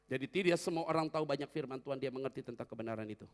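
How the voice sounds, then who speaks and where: A pastor preaching a sermon in church, swinging between fervent loud passages and hushed, prayerful ones. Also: male voice, medium pitch, very fast, big-room sound.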